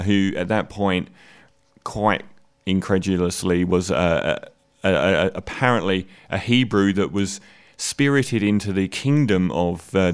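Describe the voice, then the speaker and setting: A man's voice: low-pitched, clean tone. A man giving an opinionated, casual spoken film review, hesitating often with fillers.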